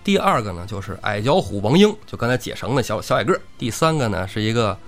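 一位男性播客主持人用生动幽默的方式讲述古典小说故事。. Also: male voice, on the low side, fast talker, faint music behind. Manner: animated, humorous retelling. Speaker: podcast co-host, storyteller. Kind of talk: lively storytelling chat.

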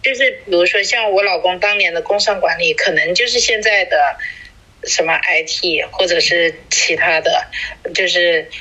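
A woman's voice: fairly low pitch, normal speed, bright, forceful tone, dull audio. A woman in her forties chatting casually as a podcast co-host, rambling with many fillers and restarts. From small city in China. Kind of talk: casual chat.

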